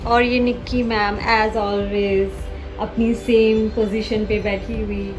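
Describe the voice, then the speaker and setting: A woman's voice: medium pitch, level tone, takes it slowly, faint music behind. A young woman chatting casually in a home vlog, teasing her sister and talking to viewers. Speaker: vlogger.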